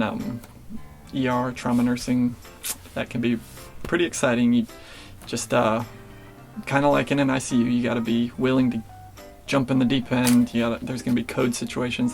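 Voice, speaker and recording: Casual young guy nurse, creaky voice, kinda monotone, chill q&a talk with ums. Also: mid-range voice. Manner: relaxed, filler-heavy, restarts. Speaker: nurse answering viewer questions. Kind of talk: casual Q&A vlog.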